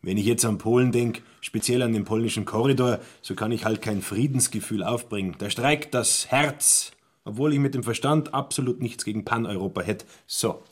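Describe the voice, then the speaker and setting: A man's voice: mid-range voice, moderate pace, husky, natural voice. An actor playing a smug, self-satisfied young man in a radio play, matter-of-fact in tone.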